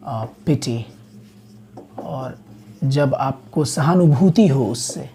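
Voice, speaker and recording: A man's voice: fairly high pitch, warm tone, husky. A man teaching English vocabulary as a classroom lecture, explaining words patiently, step by step.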